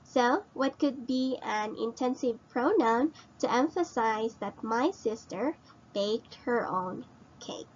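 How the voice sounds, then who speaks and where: A woman teacher slowly explaining grammar in a recorded lesson, asking her students questions and repeating points. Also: fairly high pitch, lively intonation, dull audio, slight background noise. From Philippines.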